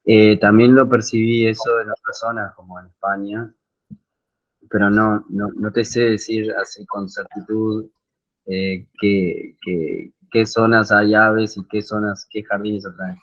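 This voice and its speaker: A man's voice: on the low side, little pitch movement, measured pace, a bit bright. A man answering audience questions as a guest landscape designer, hesitant and searching for words. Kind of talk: online Q&A answer. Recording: dull video call audio.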